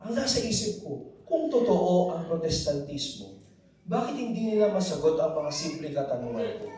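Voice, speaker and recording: A fairly high-voiced man with a Filipino accent tells his faith story to a crowd in a big hall, animated and easily mixing Tagalog with English. He keeps asking the crowd to answer back. His voice booms around the very echoey room, picked up from a distant mic. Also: moderate pace. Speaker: faith talk speaker. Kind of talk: personal testimony to a live audience. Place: large hall with a live audience.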